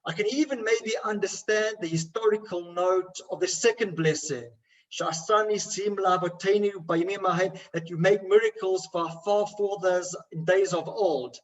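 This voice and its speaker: A man's voice: high voice, distant mic, close to an everyday voice, rough recording. A man voicing an anguished adult male camp inmate who bitterly and pleadingly questions, his voice raised.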